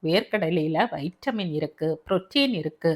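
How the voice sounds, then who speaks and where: A woman doing a gruff old grandfather. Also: fairly low pitch, lively intonation, moderate pace, voice pushed down. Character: stubborn old man of seventy, grandfather.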